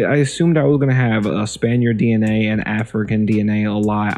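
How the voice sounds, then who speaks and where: A young man vlogging casually from a small room at home, talking into a desk microphone in front of a green screen, chatty and relaxed, often repeating himself and saying um. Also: fairly low pitch. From Ohio, USA. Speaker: YouTube vlogger. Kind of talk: casual vlog talk. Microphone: desk microphone near the face.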